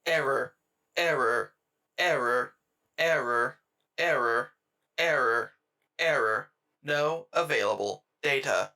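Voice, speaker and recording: A man's voice: medium pitch, takes it slowly, gravelly, pauses often, clear, resonant tone, far from the mic, full character voice. A man doing a glitching robot scanner voice. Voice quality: flat repeated machine readout. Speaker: game master. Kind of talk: voicing a device in a tabletop game.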